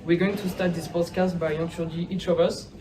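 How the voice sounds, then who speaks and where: A man's voice: a little high, little pitch movement, a little fast, darkish tone. A twenty-year-old man hosting a student panel, politely asking questions. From France. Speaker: host of the student podcast. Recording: distant mic, noisy room.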